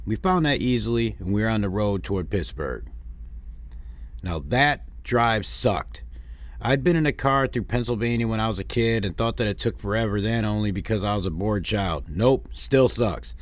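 A man's voice: on the low side, lively intonation, moderate pace, no room sound. Dry-voiced man from Detroit narrating. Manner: dry, plainspoken, wry complaints. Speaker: vlog host, road-trip narrator. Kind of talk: narrated travel recap.

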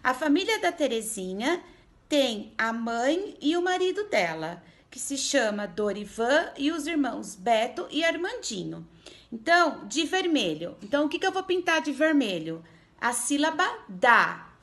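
Woman, high voice, Brazilian Portuguese accent, primary teacher, patient, slow, sounds out syllables. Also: sing-song, a bit bright. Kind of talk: remote literacy lesson for first graders.

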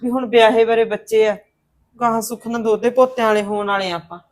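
An actress playing a kindly older aunt who calmly consoles her niece in a Punjabi drama. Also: fairly high pitch, fast, close to an everyday voice. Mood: consoling. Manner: soothing, consoling.

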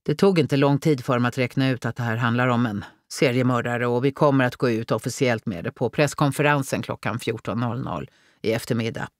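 A woman reading an audiobook, voicing a male police chief who briskly commands a murder briefing. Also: very deep voice, dry recording, clean studio sound. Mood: commanding.

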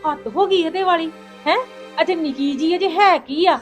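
A woman's voice: extremely high pitch, moderate pace, faint music behind. A woman playing a spiteful, gossiping mother-in-law, in a family web drama. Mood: sneering. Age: middle-aged. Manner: sneering, complaining.

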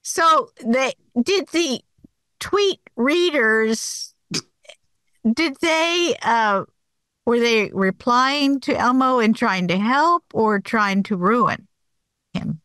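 A woman co-host talking slowly in a casual podcast chat, her pitch sitting a little high. She mostly answers with short reactions. The sound is dry and close. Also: animated, a bit bright, clear, resonant tone, dry recording, low-quality recording. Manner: slow, short reactive replies.

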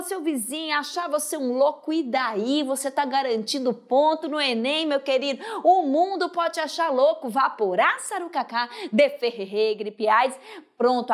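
A woman teaching a biology exam-prep class, chanting mnemonics and coaxing the class to repeat after her. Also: sits high. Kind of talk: energetic exam-prep lesson.

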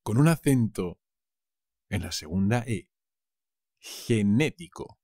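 Slow, playful Spanish man teaching words. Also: lowish voice, animated, warm tone, dry recording, studio quality. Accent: Castilian Spanish. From Spain. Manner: playful, slow and deliberate, drills each word twice. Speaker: language teacher. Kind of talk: vocabulary lesson, repeating words slowly.

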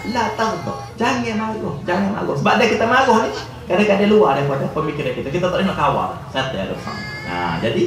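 A man with a Kelantan Malay accent giving a religious lecture, telling stories in an animated, jokey way. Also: high voice. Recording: echoey hall, distant mic, faint ambience.

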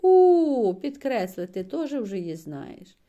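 Woman teacher, slow and mid-pitched, coaxing one-on-one reading tutor. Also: expressive, darkish tone, lo-fi sound. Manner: patient, coaxing, frequent praise, drawn-out sounds. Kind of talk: one-on-one reading lesson with a child.

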